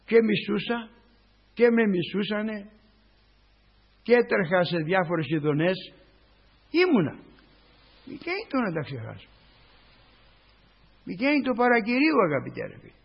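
An older male priest preaching a sermon with a raspy voice, punctuating it with repeated doxologies. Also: high-pitched, very animated, long pauses. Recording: dull lo-fi recording with long reverb.

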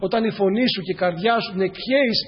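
A man's voice: sits high, slight background noise. A man preaching a sermon earnestly, addressing the congregation as brothers in a church hall. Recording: dull, with long hall reverb.

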